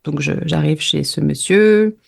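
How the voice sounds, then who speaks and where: A woman's voice: sits low, measured pace, creaky, darkish tone. A French woman guest recounting her travels in a casual interview, hesitant with many fillers and restarts. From France.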